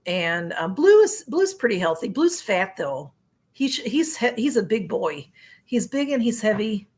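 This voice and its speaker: In her sixties, this woman chats casually on a live stream, reading viewer comments aloud and rambling with plenty of fillers and frequent laughter. Her voice sits at a medium pitch and is very animated yet measured in pace, with a darkish, slightly rough tone.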